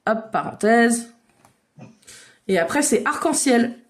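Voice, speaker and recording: A woman leading an online drawing workshop for children, guiding them with lively, encouraging make-believe storytelling over a video call. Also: on the high side, takes it slowly. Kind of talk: playful storytelling drawing lesson for kids.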